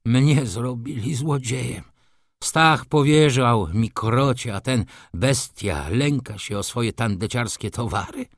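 A man voicing an aging, proud and irritable male shop manager who mutters low and flares up in anger. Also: takes it slowly, dry recording, clean studio sound. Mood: bitter. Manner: muttering low, then bursting out angrily.

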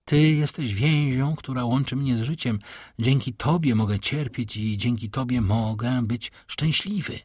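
A man voicing a brooding middle-aged nobleman in a read-aloud novel, slow and solemn. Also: mid-range voice, darkish tone, breathy edge, no room sound, studio quality. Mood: tender.

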